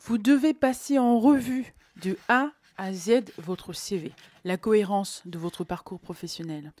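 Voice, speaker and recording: A woman's voice: medium pitch, measured pace, no room sound. Playful woman giving job advice. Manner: emphatic, playful, lively teaching tone. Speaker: vlogger and recruitment coach. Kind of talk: advice vlog.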